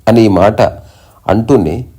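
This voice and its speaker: A man giving a spiritual discourse as a teacher, slowly chanting Sanskrit verses and then explaining them in plain words. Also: fairly low pitch, mellow, breathy edge.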